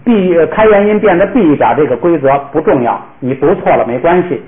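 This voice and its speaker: A man teaching a classroom pronunciation lesson, patiently modeling words slowly for the class to repeat. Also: on the high side, animated. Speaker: language teacher. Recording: echoey room, tinny phone-like sound.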